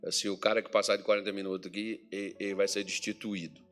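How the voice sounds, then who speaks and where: A man's voice: fast, faint music behind. A Brazilian man preaching a sermon as pastor in a church hall, chatty and joking with the congregation. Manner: jokey, chatty preaching with lively pitch swings.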